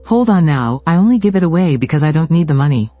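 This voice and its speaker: A man's voice: fairly high pitch, animated, fast talker, mellow, lo-fi sound, soft background music, close to an everyday voice. A man voicing a modest, self-assured young male mystic healer in his own everyday voice. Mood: calm.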